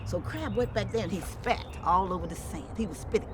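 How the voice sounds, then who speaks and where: A woman with a Lowcountry Gullah Geechee accent telling a folktale aloud in a theatrical, emphatic way, repeating phrases. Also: brisk. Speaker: storyteller. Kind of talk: animated oral folktale telling. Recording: clearly noisy background.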